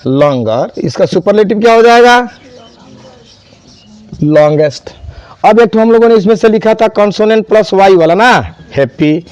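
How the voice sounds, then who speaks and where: A man's voice: high voice, animated, moderate pace, pauses often, darkish tone, clean tone, no echo, muffled recording. A man teaching an English grammar class, spelling words out and quizzing students. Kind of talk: classroom lesson.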